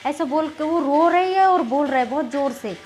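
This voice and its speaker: High-voiced woman telling a story, rambling. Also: moderate pace. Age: 30s. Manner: rambling and hesitant, heavy filler words, grows agitated and loud. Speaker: vlogger. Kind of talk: casual storytelling vlog.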